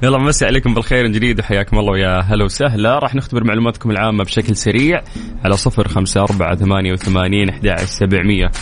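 A man's voice: lowish voice, steady tone, soft background music. A man with a Saudi accent hosting a radio call-in quiz show, playful and teasing with callers. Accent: Saudi Arabic. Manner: playful, teasing, counts down quickly. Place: radio studio.

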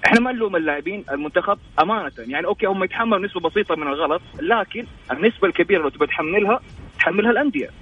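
A man from Jeddah, calling in by phone to argue his points rapidly, over a bad phone connection that keeps cutting out. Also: sits high, expressive, slightly rough. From Jeddah, Saudi Arabia. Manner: rapid, argumentative, stacks points. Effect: bad phone connection that cuts out. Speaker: caller. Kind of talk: phone-in sports opinion. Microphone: phone call. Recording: muffled, cutting-out phone line.

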